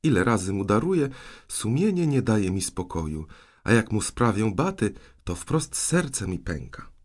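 A man voicing a scolding but soft-hearted elderly aunt in an audiobook, exclaiming and fretting. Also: on the low side, sing-song, unhurried.

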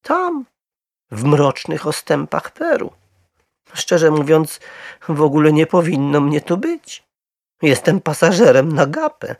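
A man's voice: fairly high pitch, very animated, takes it slowly, no room sound, clean studio sound, voice pushed up, full character voice. Man voicing a small, very polite bear. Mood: dignified. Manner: quiet, clear, courteous and dignified.

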